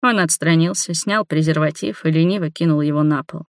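Audiobook reader, first-person narration, measured, steady, mid pitch, dry close sound. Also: vocal fry, dry recording.

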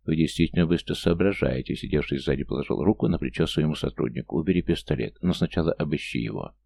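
Deep gravelly male audiobook narrator. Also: fast talker, warm tone, dry recording. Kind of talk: scripted narration of a thriller.

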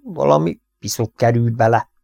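A man reading the part of a glum, plain-spoken male farmer who talks slowly in rustic country speech, in a storybook reading. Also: medium pitch, gravelly, a little mellow, no echo.

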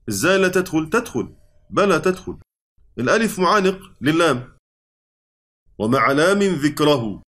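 Higher-pitched Egyptian sheikh teaching a class. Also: male voice, fairly bright tone. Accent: Egyptian Arabic. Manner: keeps checking the class understands; explains patiently, step by step. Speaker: Quran recitation teacher. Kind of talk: classroom lesson explaining text.

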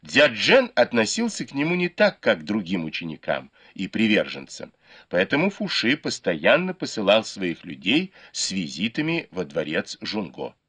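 A man narrating a classic novel as an audiobook, in measured storytelling. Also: lowish voice, wildly swooping pitch, fairly bright tone, husky, dry recording. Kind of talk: scripted narration.

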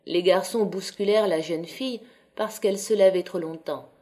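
A woman reading a classic novel as an audiobook in a steady, measured voice of middle pitch. Her delivery is calm and descriptive, dwelling evenly on each detail of the scene. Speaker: audiobook reader.

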